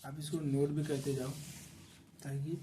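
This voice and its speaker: Indian male teacher, unhurried and mellow, spells words out, faint hiss behind. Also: fairly high pitch, level tone. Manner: spells words letter by letter, checks in with "ठीक ना". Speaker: English teacher. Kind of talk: slow classroom explanation.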